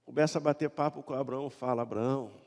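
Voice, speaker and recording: A man with a Brazilian Portuguese accent preaching a sermon as a pastor. He reads scripture loudly, then tells the story in a casual, joking tone. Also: medium pitch, measured pace. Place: church sanctuary. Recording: long church reverb.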